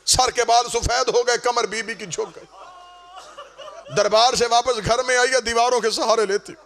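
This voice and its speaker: High-voiced man chanting a mourning sermon. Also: steady tone, moderate pace, gravelly. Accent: Punjabi-influenced Urdu. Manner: chanting, rising into sung, shouted lament. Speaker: Shia preacher. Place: mosque hall before a congregation.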